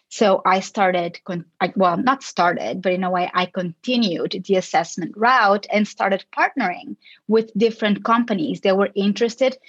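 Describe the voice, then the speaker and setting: A woman's voice: medium pitch, husky, dry recording, lo-fi sound. A woman from Portugal, a guest in a casual interview who answers thoughtfully and often restarts her sentences. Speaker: guest, psychologist.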